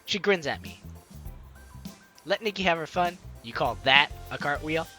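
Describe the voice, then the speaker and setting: Here a young man reads a visual novel out loud as a let's play host, with game music in the background. His fairly high voice is expressive and sharp-toned at a normal pace, and his reactions are jokey, theatrical and playful.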